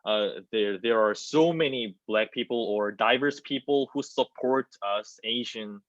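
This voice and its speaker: Speaking through wireless earbuds on a video call, a Korean-accented theater student in his twenties from South Korea gives halting, phrase-repeating answers in non-native English during an online panel discussion. His voice is lowish, and from his small plain indoor room the muffled call audio carries no room sound.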